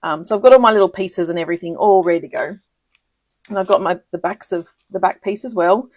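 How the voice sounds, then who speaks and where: A woman talks through a crafting project on a live stream, chatty and quick to laugh, with plenty of ums and restarts. Her voice sits a little low, and the sound is dry and close with no room around it. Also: darkish tone, dry recording. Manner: chatty, giggly, lots of ums and self-corrections. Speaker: papercraft demonstrator hosting a live video. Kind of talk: casual live crafting tutorial.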